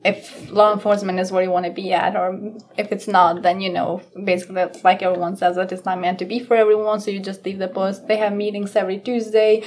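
A young woman in her twenties talks as a guest in a casual interview. Her voice is soft and even, with little rise and fall, and she answers in a plain, matter-of-fact way. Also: mid-range voice, fast talker, few pauses, slight background noise. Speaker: police officer guest.

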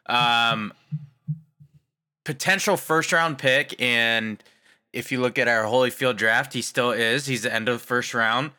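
A man with a very bright, sharp-toned voice, chatting casually about sports. He delivers his gripes with a wry, sarcastic edge. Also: mid-range voice, measured pace. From Ohio. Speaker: podcast co-host. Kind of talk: casual chat, sports talk.

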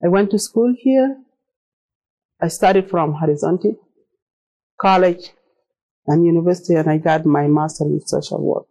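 A middle-aged South Sudanese woman, native in Arabic and Dinka, tells her own story in earnest, plainly worded English that carries her South Sudanese accent. Her voice is fairly low and warm. The recording quality is low.

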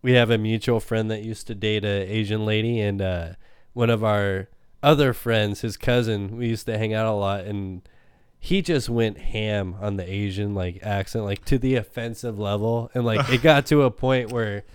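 A man's voice: lowish voice, steady tone, normal speed, smooth, dry recording, clean studio sound. A man co-hosting a podcast, chatting casually, rambling and joking. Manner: joking, rambling, puts on silly voices. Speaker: podcast co-host. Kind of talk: casual chat.

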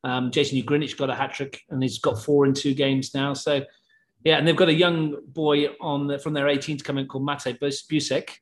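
A man giving his read on a football team in a relaxed podcast conversation. He talks in a measured, analytical way at an ordinary pitch. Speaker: football pundit. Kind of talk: casual podcast chat.

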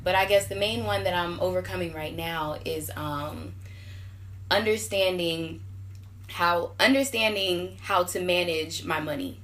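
A woman's voice: on the low side, unhurried. A woman in her early twenties talking casually and candidly on a podcast, laughing often. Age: 20s. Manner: animated, laughing storyteller. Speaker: podcast guest. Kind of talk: casual chat.

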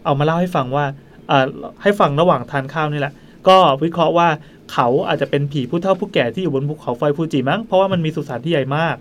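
A man hosting a podcast, telling a ghost story in a quick, chatty way into a studio mic. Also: on the high side, a little hiss or hum. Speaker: podcast host.

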